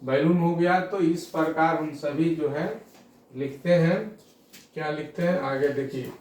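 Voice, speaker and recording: A man teaching a spelling lesson to students, slowly spelling words out letter by letter and often checking that they follow. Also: a little high, fairly even intonation, a little mellow, roomy sound, recorded from a distance. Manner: frequent "theek hai na" check-ins. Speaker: English teacher.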